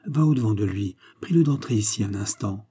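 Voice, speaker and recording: A man reading as a gentle celestial woman. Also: fairly low pitch, animated, a little fast, breathy edge. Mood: tender. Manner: gentle, soft-spoken. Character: mysterious gentle celestial woman, humble and serene. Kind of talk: storybook reading.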